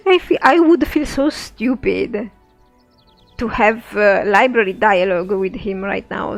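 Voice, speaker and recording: A woman's voice: mid-range voice, vocal fry. A woman giving casual game commentary, thinking aloud and sometimes speaking as her character. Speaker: let's play narrator.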